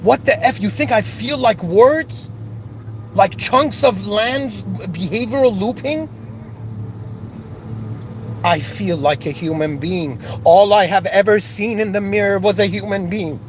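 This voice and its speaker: A man's voice: sits high, unhurried, a little hiss or hum. A man born in Iran and raised in Canada, giving an impassioned, searching spiritual monologue with many restarts and rising outbursts. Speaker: spiritual speaker.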